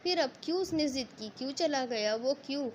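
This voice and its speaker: A woman's voice: high-pitched, animated, fairly quick, a little mellow, a little hiss or hum. Woman voicing a sobbing, grief-stricken young woman. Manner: sobbing, pleading, breathless. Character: young woman grieving wildly, delirious.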